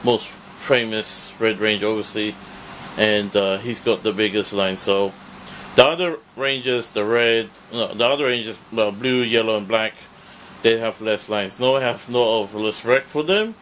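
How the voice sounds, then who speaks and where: Low-voiced guy rambling thru a con recap, lots of uh and swearing, faint aircon hum behind. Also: fairly even intonation, measured pace, a bit bright, low-quality recording. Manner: rambling, profane, heavy fillers. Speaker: vlogger.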